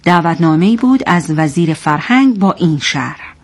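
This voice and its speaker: A woman presenting scripted literary commentary in a clear, didactic manner, and narrating a story. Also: fairly low pitch, animated.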